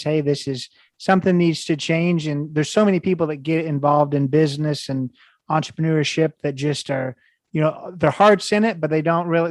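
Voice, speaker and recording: A man's voice: a little high, no echo. A man hosting a casual podcast interview, rambling and hesitant with many false starts. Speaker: podcast host.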